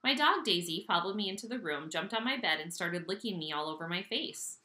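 A woman reading a children's novel aloud with expressive, animated storytelling, recorded in an echoey room. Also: fairly low pitch, brisk. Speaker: audiobook reader.

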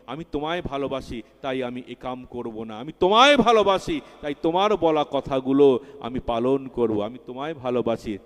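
A man's voice: medium pitch, a little mellow. A man preaching a devotional sermon with fervour, repeating key words and rising in emphasis, at a religious festival. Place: large hall at a religious festival. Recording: long hall reverb.

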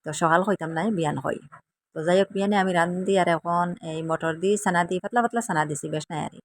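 A woman from Assam, India, with a Sylheti accent chats to viewers in a casual cooking vlog, rambling as she goes. Her voice is on the low side and quick, with a faint hiss or hum.

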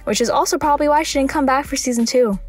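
A woman's voice: high-pitched, quick pace, very noisy. A woman narrating scripted video commentary with dry, wry humour.

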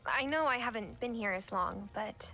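A friendly young witch from a cozy video game, with a high, bright voice. She speaks in an encouraging, supportive way. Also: normal speed, faint music behind.

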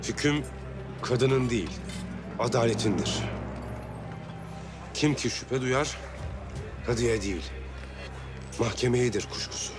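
An actor playing a stern judge in a historical drama, formal, deliberate and authoritative. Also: male voice, medium pitch, music in the background, close to an everyday voice. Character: stern, formal male judge handing down orders.

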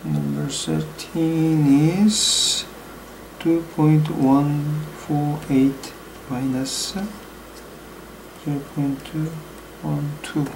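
Working slowly through calculations at his desk in a small room at home, a Korean-accented hobby mechanic, a native Korean speaker, explains engine work, hesitating with many pauses and fillers as he reads out numbers. His voice is fairly high with lively intonation and a darkish tone. The low-quality recording has slight background noise.

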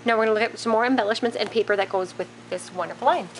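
A woman with a high-ish voice speaks rapid-fire as she films a casual product walkthrough from behind a handheld camera in a large warehouse with wire shelving. The store host plainly names each item in turn, with slight background noise.

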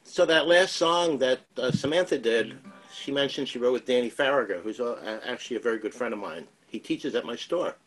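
A man, a singer-songwriter who owns a music store, introducing his songs on stage in a relaxed, friendly way. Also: medium pitch, a little fast, rough recording. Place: community cultural center stage.

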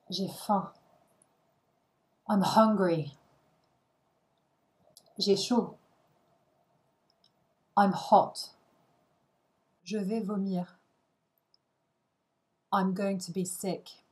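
Very slow woman reading lesson phrases. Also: mid-range voice, darkish tone, low-quality recording. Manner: short isolated phrases, each followed by its translation. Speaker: language teacher.

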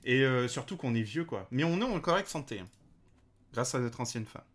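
Speaking a little fast with lively intonation, a man in the mid range and with a fairly bright tone runs a let's play. His commentary is casual, full of fillers and hesitant pauses, and he addresses the game's characters as he plays.

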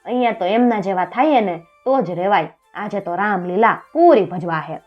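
Lady doing a cheeky jester guy, sly and teasing, pitch jumps up. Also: expressive, normal speed, muffled recording, faint music behind, lightly acted. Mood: scornful. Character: clever, mocking male court jester.

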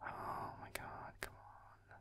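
In a low, breathy, gravelly whisper, a man plays a grumpy, sarcastic werewolf boyfriend for a gaming roleplay audio. He mutters irritably and slowly, swearing, his tone sharp and his mood one of bored muttering.

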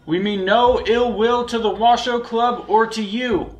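Calm, polite young man addressing ghosts. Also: high voice, unhurried. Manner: calm, polite, reassuring toward spirits. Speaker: paranormal investigator. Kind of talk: ghost-hunting vlog. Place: inside an old, reputedly haunted building. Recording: echoey indoor room.

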